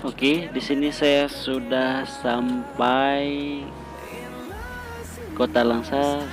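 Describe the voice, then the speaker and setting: A man's voice: mid-range voice, flat delivery, drawn-out words, music in the background. A man chats casually for a vlog from inside a full-face helmet as he rides a motorcycle. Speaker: motovlogger. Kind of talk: casual vlog chat while riding.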